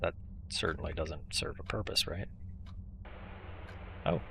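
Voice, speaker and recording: A man's voice: low-pitched, measured pace, gravelly, noisy background. A man giving casual horror game commentary, muttering asides to himself as he plays. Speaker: video game streamer.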